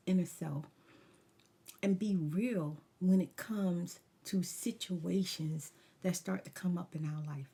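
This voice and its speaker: Woman doing a rambly asmr story time, soft dark tone, real slow, slangy and candid advice. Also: lowish voice, husky. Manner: candid, emphatic, advice-giving with slangy asides. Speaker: ASMR vlogger. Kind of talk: casual rambling story time while eating snacks, ASMR.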